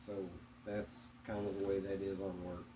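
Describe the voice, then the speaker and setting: A man answering interview questions in a hesitant, plainspoken way, with many pauses and fillers. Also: low-pitched, level tone, warm tone, a little hiss or hum, rough recording. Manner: hesitant, many ums and uhs; plainspoken, religious. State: hiccups.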